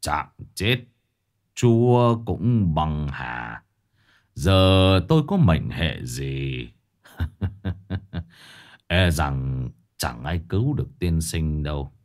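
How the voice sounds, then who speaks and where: A man voicing a blind old male fortune-teller in a storybook ghost tale, speaking slowly, low and without emotion, with cold authority. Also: very animated, full character voice. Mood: ominous. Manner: slow, low, emotionless and commanding.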